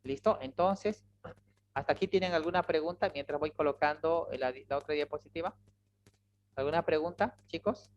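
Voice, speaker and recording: A medical lecturer giving an online lesson to students, explaining step by step and often checking in quick questions. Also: medium pitch, lo-fi sound.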